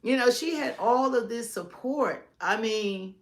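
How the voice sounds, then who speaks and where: A woman's voice: fairly high pitch, expressive, a little slow. A middle-aged woman with an American accent co-hosting a live stream, giving casual, emphatic political commentary and piling up points in lists.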